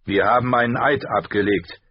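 A man's voice: medium pitch, a little fast, slightly rough, no room sound, highs cut off, pitched above the performer's own voice, lightly acted. A man voicing an old, proud knight of the royal guard, defiant and strained.

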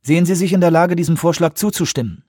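A man voicing a controlled, insistent female commanding officer in a dry, husky-toned audiobook reading. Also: a little high, a little mellow, no echo, voice pushed up. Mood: persuasive. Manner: insistent, measured pleading.

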